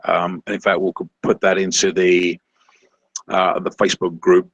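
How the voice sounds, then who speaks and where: A man co-hosting a casual online coaching call, talking in halting bursts full of ums and restarts. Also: sits low, level tone, husky, no echo, dull audio. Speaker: co-host of a seller coaching webinar.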